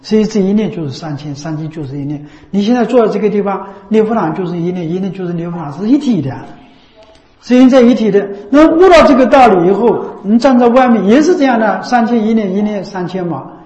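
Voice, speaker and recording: In a Buddha recitation hall, a man preaches a dharma talk to a lay audience at a quick pace, his voice high and mellow. As a Buddhist teacher, he's repetitive and often asks rhetorical tag questions. The sound is roomy and a bit dull.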